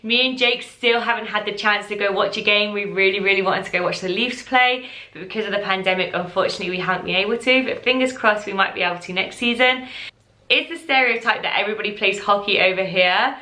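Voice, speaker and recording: Bright-voiced English woman in her twenties. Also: mid-range voice, quick pace. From England. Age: 20s. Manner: chatty, talks straight to her viewers. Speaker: vlogger. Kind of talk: casual reaction commentary. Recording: echoey room.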